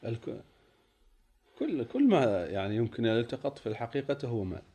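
A man taking part in a lesson as a student. He gives short, quick replies and asks brief questions. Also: medium pitch, big pitch swings, warm tone, breathy edge. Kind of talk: answering and asking in a lesson.

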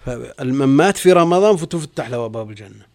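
Animated and fast, this middle-aged man has a mid-range, darkish voice as he appears as a guest religious scholar. He reads and explains commentary largely in formal Arabic, slipping into colloquial asides and repeating key phrases.

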